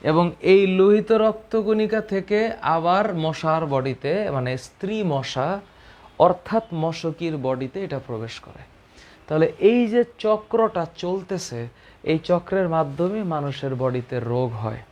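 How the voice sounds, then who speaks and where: Male biology teacher, slightly high pitch; patient, repetitive quiz-style explaining. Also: lively intonation, darkish tone. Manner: explains slowly, repeats key terms, asks and answers own questions. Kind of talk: biology lesson to students.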